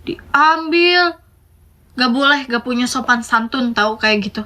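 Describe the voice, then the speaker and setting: A woman's voice: high voice, sharp tone. A woman voicing a poor, exasperated mother who scolds her child with a Sundanese accent. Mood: scolding. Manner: nagging, drawn-out scolding.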